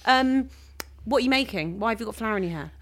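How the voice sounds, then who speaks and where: A woman's voice: fairly high pitch, lively intonation, quick pace, fairly bright tone. A woman hosting a casual podcast chat, informal and gushing, asking lots of questions. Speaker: podcast host. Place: home kitchen.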